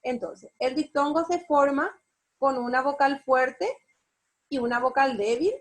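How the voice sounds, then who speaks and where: A woman teacher with a Paraguayan Spanish accent, giving an online spelling lesson and explaining step by step with frequent check questions. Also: high-pitched. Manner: slow, explanatory, asks rhetorical check questions. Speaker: university teacher.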